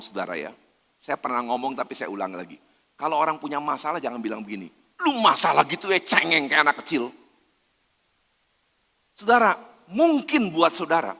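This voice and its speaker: This pastor's voice sits on the high side with a sharp tone. He delivers an emphatic sermon in a church hall, the sound carrying a long reverb, and keeps calling out to the congregation as brothers and sisters.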